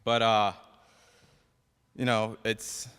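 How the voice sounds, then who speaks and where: A man's voice: on the low side, little pitch movement, extremely slow, a bit bright, smooth. A young man with a Persian accent giving a prepared ceremony speech as a student class president, self-deprecating and a little nervous. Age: young adult. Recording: reverberant hall, PA-like echo.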